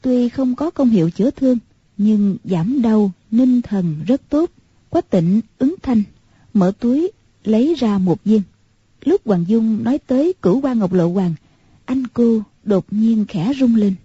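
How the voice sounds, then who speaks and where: A woman narrating a martial-arts novel in a steady, measured way. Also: a little high, slightly rough, no echo. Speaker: audiobook narrator. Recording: muffled lo-fi recording.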